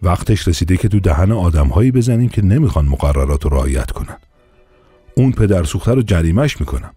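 A man's voice: sits low, lively intonation, mellow, breathy edge, no echo, soft background music. A man doing a pompous blustering police inspector. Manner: blustering, commanding, quick to turn. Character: pompous bullying male police inspector, middle-aged. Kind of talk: audiobook character voice.

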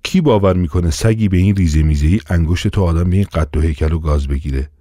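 A man's voice: deep voice, warm tone, no echo, clean studio sound. A man voicing a pompous, bullying police inspector in an audiobook, blustering and commanding. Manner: blustering, commanding, quick to turn. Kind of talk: audiobook character voice.

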